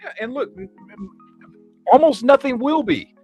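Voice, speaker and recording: A man hosting a casual live stream chat, talking in an animated way with lots of "you know what I mean.". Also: very high voice, moderate pace. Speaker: show host. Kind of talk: casual chat about toys and films. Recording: live stream with faint background music.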